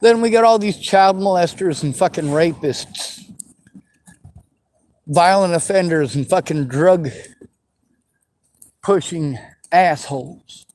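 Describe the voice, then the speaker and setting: A man's voice: high-pitched, darkish tone, poor audio. Bitter, swearing man in his forties. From western United States. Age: 40s. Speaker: vlogger answering viewer questions. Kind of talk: angry unscripted monologue.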